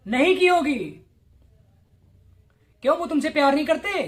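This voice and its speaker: Woman, high voice, motivational speaker on breakups; blunt and crude, scolds and mocks, rhetorical questions. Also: moderate pace. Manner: mocking and scolding the listener. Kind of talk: motivational monologue.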